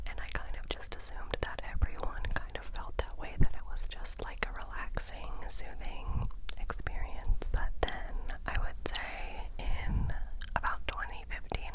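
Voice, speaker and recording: A young woman whispering softly and intimately, close to a binaural mic, chatting casually as she answers questions in ASMR style. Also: low-quality recording. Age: young adult. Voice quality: soft unvoiced whisper. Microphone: close binaural microphone.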